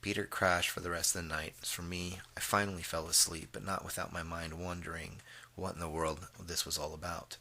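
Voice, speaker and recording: A man narrates a first-person story in a deep, flat, steady voice. His tone has a sharp, bright edge. He hesitates with fillers and clears his throat between phrases. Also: brisk.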